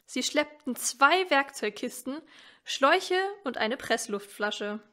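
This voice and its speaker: A woman reading a story aloud in a measured, expressive way. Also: sits high. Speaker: story reader at a church advent event.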